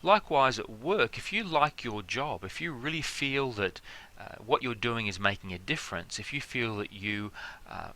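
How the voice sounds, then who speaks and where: A man giving a relaxed, conversational lecture, filling pauses with fillers and stacking everyday examples. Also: mid-range voice. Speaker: teacher. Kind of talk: explanatory lecture.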